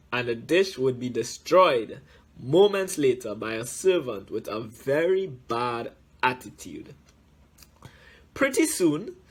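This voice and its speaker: A young man reading a children's story aloud as a guest reader, telling it in an animated way. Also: fairly high pitch, husky. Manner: animated storyteller, shouts character exclamations.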